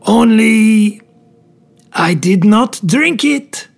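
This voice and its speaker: A man voicing a calm, clever older male detective who speaks gently and precisely in a dramatic audiobook reading. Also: sits high, unhurried, slightly rough, soft background music, full character voice. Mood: placid.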